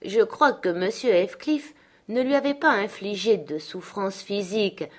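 Here a classic novel is being read by a woman whose pitch is medium. She tells the story at a calm, even, measured pace.

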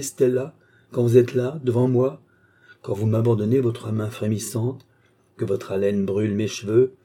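A man's voice: mid-range voice, dark tone, breathy edge, natural voice. A man voicing an ardent young male painter in an audiobook, speaking with passionate, pleading intensity. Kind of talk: audiobook character voice.

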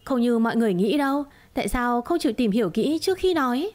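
A woman's voice: fairly high pitch, expressive, normal speed, darkish tone, lightly acted. A woman voicing a wronged, defiant young mother, speaking curtly and indignantly in a story. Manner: curt and indignant.

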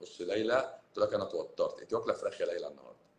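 A man with a Cairene Egyptian accent, a doctor hosting a live stream, talking casually to viewers. He is animated, scolding and joking with them. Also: deep voice, rapid-fire. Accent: Cairene Egyptian Arabic. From Egypt, Cairo. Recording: roomy echo, faint background noise.

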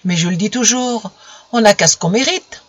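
A woman's voice: mid-range voice, animated, normal speed, natural voice. A woman doing a fussing old peasant mother. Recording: dull lo-fi recording.

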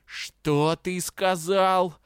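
A man voicing a proud, hot-tempered male centaur cab driver who hisses and growls his threats slowly. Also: sits high, fairly even intonation, a bit bright, smooth, dry recording, studio quality. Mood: hissing. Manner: hissing and growling, slow and menacing.

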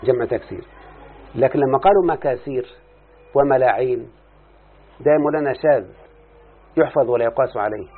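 A husky-voiced man teaches a grammar lesson. He keeps asking his listener questions as he explains. The sound is thin and muffled, like a phone line. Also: medium pitch, a little fast, long pauses. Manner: questioning, repeatedly addressing the listener. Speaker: teacher of Arabic morphology. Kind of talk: classroom lesson explaining a text.

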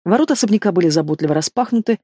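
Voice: mid-range voice, animated, racing, dark tone, no echo, clean studio sound. An audiobook reader narrating a fantasy novel expressively. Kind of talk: scripted narration.

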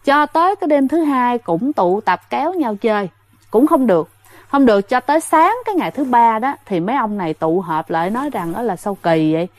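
A woman's voice: a little high, lively intonation, a little fast, dry recording. A woman telling a ghost story in a casual, chatty way, often speaking to her listeners directly. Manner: chatty, addresses listeners directly, many fillers.

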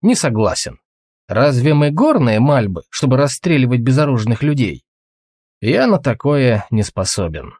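A man voicing a young male adventurer in a storybook reading, speaking earnestly and in a raised, excited voice. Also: medium pitch, normal speed, no room sound, studio quality. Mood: firm.

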